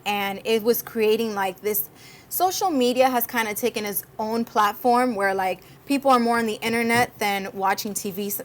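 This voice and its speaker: A woman in her twenties, born in Cuba and raised in Miami, chatting as a guest on a talk show and acting out the quotes in her stories. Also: on the high side. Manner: lively, animated storyteller, acts out quotes. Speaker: guest co-host, social media influencer. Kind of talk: casual talk-show chat.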